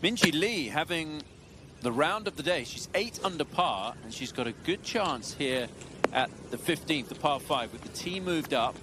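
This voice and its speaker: A man working as a golf commentator, calling live tournament play with expressive reactions to shots. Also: on the high side, normal speed. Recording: clear outdoor ambient noise behind. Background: outdoor tournament ambience.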